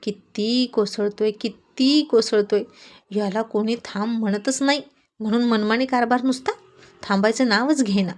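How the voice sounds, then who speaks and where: A woman's voice: on the high side, steady tone, a little slow, close to an everyday voice. A woman voicing a bold, talkative young village woman who teases and chatters. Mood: playful.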